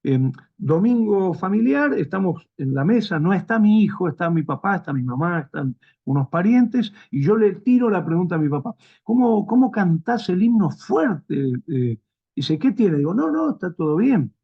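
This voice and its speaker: A man's voice: sits high, big pitch swings, normal speed, gravelly, breathy edge. Middle-aged rioplatense guy lecturing, acts out the dialogue, muffled lo-fi sound. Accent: Rioplatense Spanish. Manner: storytelling, acts out dialogue in varied voices. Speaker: guest lecturer. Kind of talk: seminar lecture with personal anecdote.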